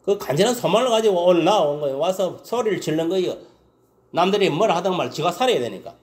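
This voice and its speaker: A man preaching a Sunday sermon. He keeps asking the congregation whether they understand and agree, and he swings between loud exclamations and low muttering. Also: animated, fast talker. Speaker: pastor.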